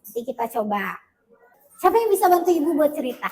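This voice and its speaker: A woman's voice: sits high, very animated, fast talker, mellow, rough recording. A woman teacher leading a classroom lesson, often asking her students questions.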